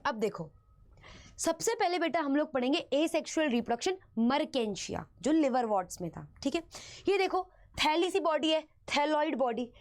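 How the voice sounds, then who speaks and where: High-voiced Indian woman teaching biology. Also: very animated, slow pace. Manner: addresses students as "beta", asks "theek hai?" constantly; mixes English terms into Hindi explanation. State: slightly sore throat. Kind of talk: online exam-prep lecture.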